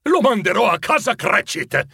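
Guy doing a giddy old miser, bright husky voice, squeals with joy, dry sound. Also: sits high, very animated, moderate pace, dry recording, exaggerated voice. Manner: gleeful, exclaiming, lilting. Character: elderly male miser overjoyed and giddy. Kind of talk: storybook character voice.

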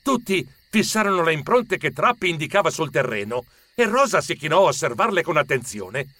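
A man narrating a children's story with expressive storytelling. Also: on the high side, brisk, no echo.

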